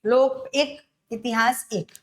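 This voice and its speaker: A woman teaching Hindi grammar for an exam, explaining step by step and repeating words slowly. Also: fairly high pitch, steady tone. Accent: Rajasthani Hindi. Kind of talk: exam-prep grammar lesson.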